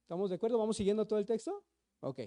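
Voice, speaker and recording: A man preaching a teaching sermon, often asking the congregation questions and reading scripture slowly and deliberately. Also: high-pitched, mellow. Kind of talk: sermon, teaching Bible study. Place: church, streamed live.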